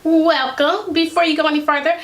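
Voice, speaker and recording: Vlogging from home in an echoey room, a woman chats casually to camera, offering her opinion with wandering asides. Her voice is high-pitched and fairly even, and she speaks a little fast.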